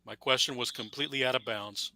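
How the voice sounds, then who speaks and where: Man, very bright, crisp tone, politely formal. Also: mid-range voice, fast, poor audio. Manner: polite, overly formal questions. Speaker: stream participant. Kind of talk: casual chat.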